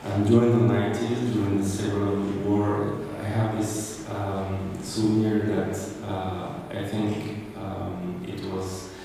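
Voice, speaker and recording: Hesitant low-voiced man in echoey gallery. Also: level tone, creaky, warm tone. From Algeria. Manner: hesitant, halting, many pauses and restarts. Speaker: visual artist presenting his work. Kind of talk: gallery artist talk. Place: art gallery hall. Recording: echoey hall, distant mic, ambient noise.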